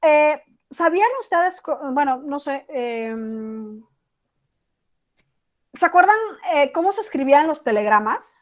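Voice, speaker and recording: Mexican lady teacher, high voice, chatty online class, does little voices for texts. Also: lively intonation, slow pace. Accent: Mexican Spanish. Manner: conversational, acts out example text messages.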